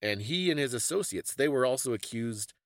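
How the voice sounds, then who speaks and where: Expressive and brisk, this man's medium-pitched voice carries a casual history conversation he co-hosts on a podcast, explaining topics in a bookish way. The studio sound is clean, with no echo.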